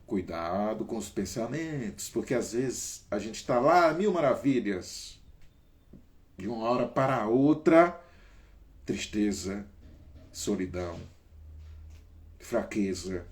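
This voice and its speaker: A Brazilian man hosts a casual talk, coaching listeners through breathing exercises and calling on them by name. His voice is mid-range and his pace a little slow, though he is animated and emphatic, varying his pace and loudness.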